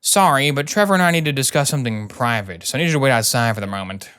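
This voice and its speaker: A man's voice: mid-range voice, expressive, fast talker, fairly bright tone, clean tone, close to an everyday voice. A man voicing a sardonic, blunt male doctor from a video game, with dry sarcasm. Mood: sarcastic. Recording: music behind the voice.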